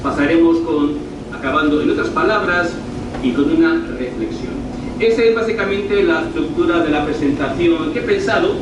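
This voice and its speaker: In a very echoey university lecture room, recorded from afar on a distant mic with clear noise, a middle-aged lecturer from northern Spain speaks. His voice is a little high and carries a northern Spanish accent. The presentation is informal and deliberate, and he often repeats and rephrases himself.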